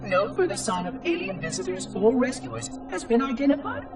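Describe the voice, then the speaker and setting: Playing a curious, fussy, ancient robotic monitor in a video game, a man narrates a cutscene log in a very high, synthetically processed full character voice with big pitch swings, speaking a little fast. He enunciates in a precise, formal, theatrical way, sounding solemn and regretful. Music runs under the distant, echoing recording.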